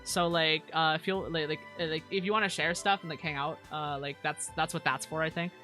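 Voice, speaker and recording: A woman's voice: low voice, steady tone, brisk, sharp tone, soft background music. A woman live streamer chatting casually over a game and reading out viewer comments, in a cute anime-streamer manner with slangy, stammering rambles. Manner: stammering, repeats words.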